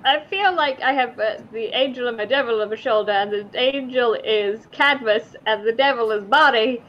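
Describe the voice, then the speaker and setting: A woman with a fairly high voice chats playfully as a player in a tabletop game. The recording is a bit dull, with faint noise. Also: moderate pace. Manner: playful, joking. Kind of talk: casual chat during game play. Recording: dull, slightly noisy room recording.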